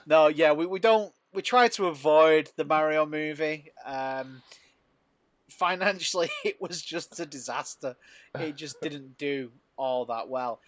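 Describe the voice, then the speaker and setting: A man's voice: on the high side, measured pace, no room sound. A man hosting a casual podcast chat, joking, laughing often and trailing off mid-thought. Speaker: podcast host.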